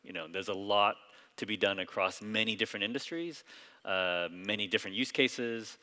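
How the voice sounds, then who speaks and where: A man in his forties who grew up in Hong Kong speaks from the stage as a company founder at a conference. His somewhat low voice is bright and clear, and his loose delivery is full of "um"s and restarts. The sound carries the long tail of a large hall. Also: normal speed. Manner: relaxed, loose delivery with frequent fillers and restarts. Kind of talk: conference presentation. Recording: reverberant hall.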